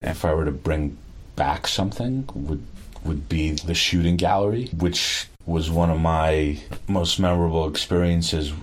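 A man, reminiscing in an interview in a halting, wistful way with many fillers. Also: a bass voice. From New York.

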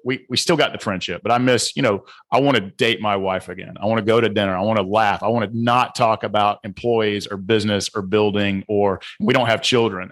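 A man's voice: on the low side, fairly bright tone. A middle-aged man with a Southern US accent, a guest author speaking earnestly and motivationally in a podcast interview. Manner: earnest, motivational, repeats phrases.

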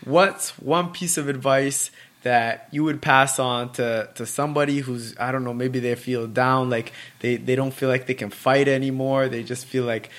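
A man's voice: medium pitch, fairly even intonation, fairly bright tone. A man hosting an interview podcast, asking long questions full of fillers and restarts. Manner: halting, filler-heavy questions. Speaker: podcast host.

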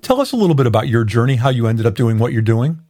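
A man hosting a business podcast, interviewing a guest in a lively, conversational way. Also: medium pitch, fast, dry recording. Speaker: podcast host.

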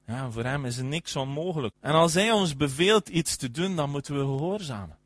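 Male preacher, higher register, emphatic sermon delivery, dry close sound. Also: expressive, a little fast, no room sound. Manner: emphatic, frequent affirming "ja", swings between loud and soft.

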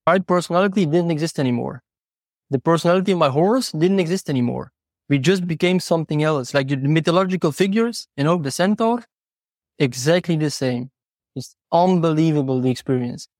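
A horse trainer appears as a podcast guest, a man who isn't a native English speaker. He talks earnestly and reflectively, explaining ideas with personal stories and rhetorical questions. His voice is fairly high and a little mellow, recorded in studio quality with no echo.

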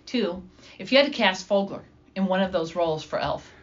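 A woman school administrator co-hosting an interview, speaking in a friendly way with quick affirmations. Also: lowish voice, animated. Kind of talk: casual interview talk. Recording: muffled lo-fi recording with faint noise.

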